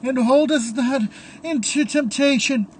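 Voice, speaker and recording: A storyteller voicing a frightened male priest praying in a high, loud, pleading voice. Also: measured pace, recorded from a distance, slight background noise, natural voice. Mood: fearful.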